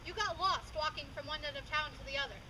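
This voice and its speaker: A woman's voice: sits high, quick pace, sharp tone, poor audio. A woman playing an exasperated, sarcastic, grumbling corporal in comic renaissance faire stage acting, with dry, needling retorts. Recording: outdoor live recording, clear ambient noise.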